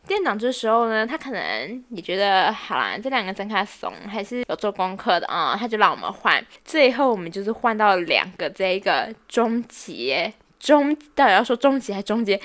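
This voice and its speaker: A woman's voice: medium pitch, fairly bright tone. A woman in her twenties with a Taiwanese Mandarin accent, hosting her own podcast and chatting through a funny story, laughing as she goes. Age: 20s. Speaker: podcast host. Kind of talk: casual storytelling monologue.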